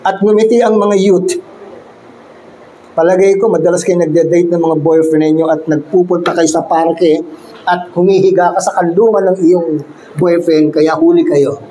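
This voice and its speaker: A man preaching as pastor, reading verses slowly, then explaining them with playful jokes. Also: sits high, fairly even intonation, warm tone, reverberant, slight background noise, poor audio. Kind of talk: bilingual sermon. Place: church sanctuary.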